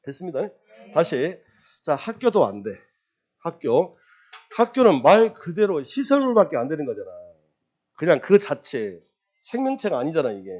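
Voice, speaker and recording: A middle-aged man lecturing on property registration law, quizzing his class with rapid questions and answering them himself. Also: on the high side. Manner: lively, quizzing, drills with repeated questions and answers. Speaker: real estate law exam lecturer.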